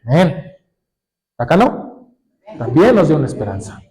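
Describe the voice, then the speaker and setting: Male pastor, high voice, preaching and quizzing the congregation. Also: very animated, darkish tone, poor audio. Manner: asks the congregation questions and waits for answers; reads scripture aloud slowly, drawing words out. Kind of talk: sermon.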